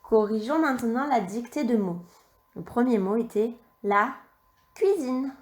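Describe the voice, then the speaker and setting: A woman teaching young children, dictating words slowly and spelling out letters and syllables one by one. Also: fairly high pitch, lively intonation. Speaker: primary school teacher.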